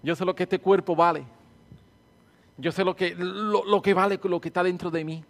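A man preaching a sermon and leading prayer. He repeats phrases fervently, calls out listeners by name, and swings between hushed and loud delivery. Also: sits high, fairly even intonation, normal speed, vocal fry.

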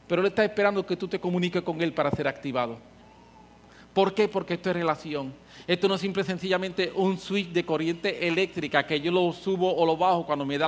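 A man's voice: high-pitched, fairly bright tone. A man preaching a sermon, passionate and emphatic, his volume rising and falling as he presses his points.

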